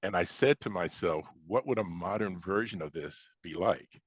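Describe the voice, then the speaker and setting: An American man in his seventies from Chicago reminisces casually as an interview guest, hesitating and repeating words. His low voice has a breathy edge and a moderate pace, on a dry, lo-fi recording.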